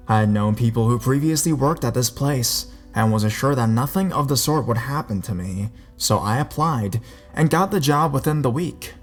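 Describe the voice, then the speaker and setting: A man reading a horror story aloud in a measured, ominous storytelling voice. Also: mid-range voice. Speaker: narrator. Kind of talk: scripted horror story narration. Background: faint music.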